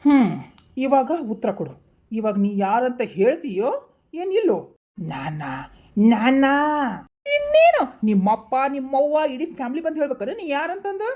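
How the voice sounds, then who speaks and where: A woman's voice: high voice, very animated, brisk, warm tone. Woman voicing a vengeful wailing spirit. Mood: demanding. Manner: accusing, taunting, wailing. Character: vengeful female spirit possessing someone, demanding truth.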